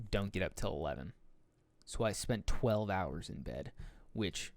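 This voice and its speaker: Rambling young man, low and dry. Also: no room sound. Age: young adult. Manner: rambling, loose and profane, with many fillers and self-corrections. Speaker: podcast host. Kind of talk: casual solo monologue.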